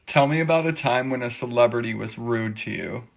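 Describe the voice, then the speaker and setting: A man who hosts the show, reading out the same question in a plain, even way. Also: mid-range voice, a little fast, vocal fry, noisy background. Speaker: host asking the question. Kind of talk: repeated spoken prompt. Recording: dull lo-fi sound.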